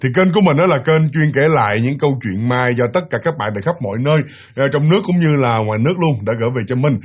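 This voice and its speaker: Fast, husky storyteller man. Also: mid-range voice, animated. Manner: chatty, fast, full of fillers and tags to listeners. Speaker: ghost story channel host. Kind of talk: casual storytelling narration.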